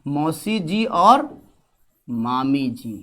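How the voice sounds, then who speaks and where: Speaking extremely slowly in a sing-song way, a man with a fairly high, slightly bright voice runs an online exam-prep lesson. He writes on a board as he talks, repeats key terms, and poses questions he then answers himself.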